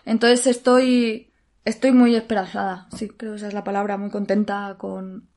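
A woman's voice: medium pitch, level tone, moderate pace, a little mellow. A Spanish-accented actress from Alicante, a guest in a casual podcast interview, who laughs often and searches for her words. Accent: Spanish, Spain. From Spain, Alicante. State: nervous.

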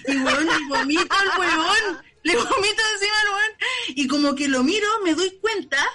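A woman's voice: very high voice, animated, moderate pace, pushed and bright. A Chilean woman on a podcast as the guest, telling stories casually, swearing freely and acting out dialogue through laughter. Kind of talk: casual storytelling chat.

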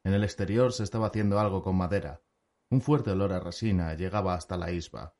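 Deep-voiced male audiobook narrator. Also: fairly quick, a little mellow.

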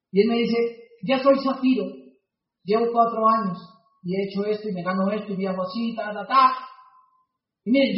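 A man with a Colombian accent, a motivational speaker telling a story to an audience and acting out the dialogue with animation. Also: very high-pitched. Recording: distant, echoey, dull hall recording.

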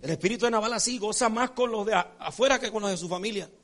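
A man preaching a sermon as pastor, folksy and animated, acting out characters and checking in with his congregation. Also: sits high, fast talker. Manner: repeats rhetorical check-ins with the congregation.

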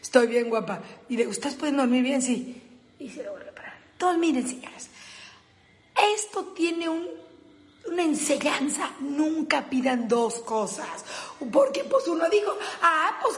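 A Mexican woman telling a comic story in a lively, laughing way, with crude slang and acting out the dialogue herself. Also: sits high, reverberant, big-room sound. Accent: Mexican Spanish. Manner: animated, laughing, crude slang, acts out both sides of the dialogue.

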